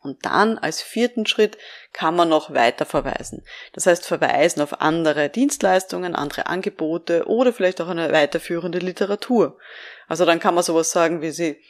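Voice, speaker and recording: A middle-aged woman calmly explaining step by step how to advise people in short conversations, now and then acting out example phrases. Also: lowish voice, moderate pace. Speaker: prevention trainer. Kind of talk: instructive podcast talk.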